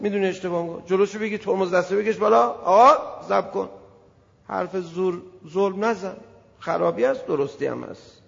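A man giving an animated, conversational sermon to a gathering, acting out little scenes as he goes, in an echoey hall on a dull, lo-fi recording. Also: high voice, vocal fry. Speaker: preacher. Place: hall with an audience.

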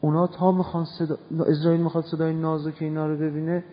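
A man preaching a sermon in an impassioned way, moving between soft passages and loud, emphatic bursts. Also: a little high, flat delivery, slight background noise. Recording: long hall reverb, dull lo-fi sound.

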